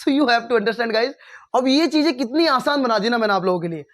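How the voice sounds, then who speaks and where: A man with a high voice and an Indian accent teaches a relaxed spoken English lesson to camera. He switches freely between Hindi and English, fills his talk with "uh" and "like", and keeps calling his viewers "guys". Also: normal speed.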